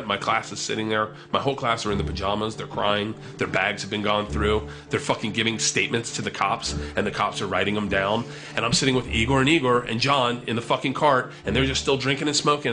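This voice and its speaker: A young man telling a comic story in an animated, profane way, acting out the voices of the people in it. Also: lowish voice. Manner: profane, animated, acts out quotes.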